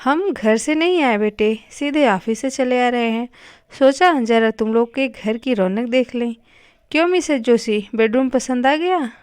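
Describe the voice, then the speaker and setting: A woman's voice: a little high, unhurried, a little mellow, clean tone, dry recording, clean studio sound, natural voice. A woman reading a novel aloud, voicing a hearty, joking middle-aged male doctor. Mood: jovial.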